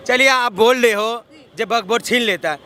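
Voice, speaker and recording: A man's voice: very high voice, brisk, a loud crowd. A man answering a reporter's questions on the street, talking over her insistently to make his point. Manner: insistent, keeps interrupting to be heard. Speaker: interviewee in street vox pop. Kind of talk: heated street debate. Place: outdoors on a city street.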